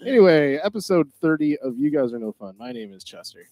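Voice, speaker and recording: Mellow-voiced man hosting a podcast. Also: fairly high pitch, big pitch swings, brisk. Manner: playful, laughing. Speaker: podcast host. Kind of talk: casual chat.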